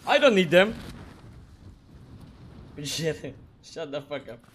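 Male streamer, high and very lively voice, hot-tempered, swears freely. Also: slow pace, a little hiss or hum. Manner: excitable, swearing, shouting at teammates. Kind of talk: live gaming commentary.

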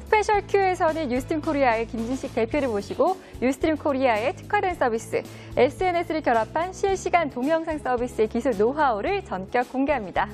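A woman's voice: high voice, lively intonation, brisk, few pauses, a little mellow, soft background music. A young woman presenting as a caster on a live studio TV show. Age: young adult.

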